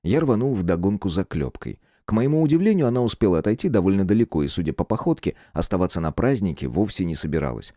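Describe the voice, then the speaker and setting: A man narrating an audiobook in an even storytelling manner. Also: sits low, fast talker, hardly any pauses, no echo, studio quality. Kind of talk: scripted narration.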